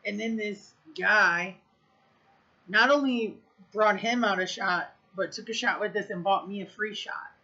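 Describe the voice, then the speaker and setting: A woman talks straight to camera in a loose storytime vlog, rambling through fillers and swearing bluntly. Her voice is bright and sharp-edged. The recording sounds a little dull and lo-fi. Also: mid-range voice, measured pace. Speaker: vlogger.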